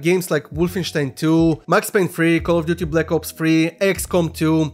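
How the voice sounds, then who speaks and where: A man in his thirties, born in Russia, reads out viewer questions and answers them in a relaxed, chatty way. His voice sits a little high for a man and comes through a close studio mic. Faint music plays behind him. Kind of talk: casual Q&A vlog. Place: small room with neon lights, indoors. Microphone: studio mic on stand in front.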